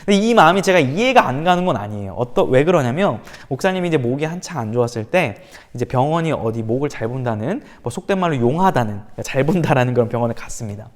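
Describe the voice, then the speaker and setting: A male pastor giving a youth sermon, telling the story with animated, acted-out quotes. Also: medium pitch, fast talker, hardly any pauses. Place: church room for online service.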